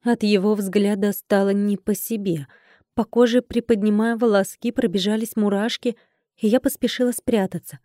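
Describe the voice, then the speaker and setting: A woman's voice: mid-range voice, fairly even intonation, moderate pace, mellow, no room sound, studio quality. A young woman reading a first-person audiobook with a wry, conversational inner-monologue manner. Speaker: audiobook narrator.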